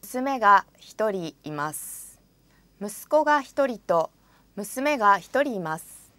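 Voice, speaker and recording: This woman's mid-range voice moves through big pitch swings and has a slightly bright quality, recorded with no echo. Each example phrase for the language course gets careful, deliberate delivery in the studio, followed by a repetition.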